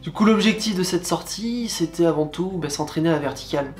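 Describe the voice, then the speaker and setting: Casual man over clear music. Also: a little high, fairly quick, a little mellow. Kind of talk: casual recounting of an outing.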